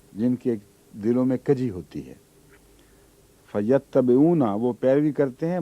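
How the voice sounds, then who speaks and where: A man giving a Quran commentary lesson, reciting Arabic verses and then explaining them patiently. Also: medium pitch. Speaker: Quran teacher. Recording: dull lo-fi archive recording.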